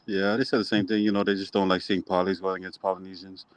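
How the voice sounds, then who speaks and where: A young man from Hawaii answering interview questions casually in a calm, nonchalant, understated way. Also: deep voice, fast talker, no echo. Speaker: slap fighting athlete being interviewed.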